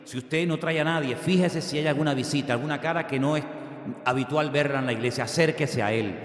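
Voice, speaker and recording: A middle-aged pastor from preaches from the pulpit of a church. He tells a story in a lively, conversational way, drops into quiet asides, then rises to shouted appeals. His voice rings through a roomy hall with a long echo. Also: a little high, a little fast. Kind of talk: sermon.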